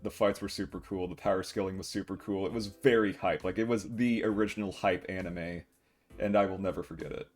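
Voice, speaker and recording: A man's voice: lowish voice, a little mellow. A young adult man livestreaming, chatting casually and rambling to viewers with occasional acted-out quotes. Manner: rambling, chuckling, acts out short quotes. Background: guitar music.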